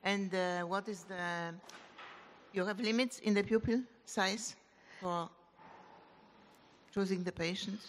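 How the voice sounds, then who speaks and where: A woman's voice: mid-range voice, fairly even intonation, slow, long pauses, slight background noise. A woman asking brief, probing questions from the audience. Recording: distant mic with long hall reverb.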